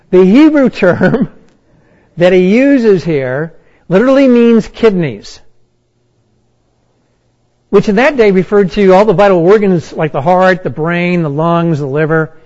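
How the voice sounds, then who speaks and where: A man preaching a sermon, reading and explaining scripture with slow, emphatic pauses. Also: high-pitched, animated, darkish tone, dull audio. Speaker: pastor.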